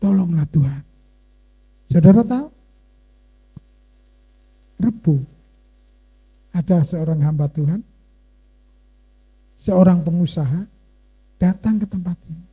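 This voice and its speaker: A man preaching a sermon as pastor, emotional, swinging between hushed and loud. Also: high-pitched, slow, pauses often. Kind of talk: sermon with personal testimony. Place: church. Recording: dull, muffled lo-fi church recording.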